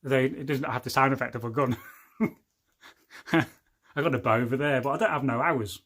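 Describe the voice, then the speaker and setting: This livestream host is an Englishman in his 40s who chats loosely and jokingly while reading viewers' comments, often rambling off his thread. He speaks at normal speed with a medium-pitched, fairly bright voice.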